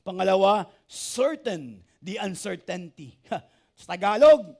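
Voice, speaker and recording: A man, a pastor preaching an animated sermon, asking the congregation for amens and joking with them. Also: sits high. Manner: animated preaching, asks the church for amens and jokes with it.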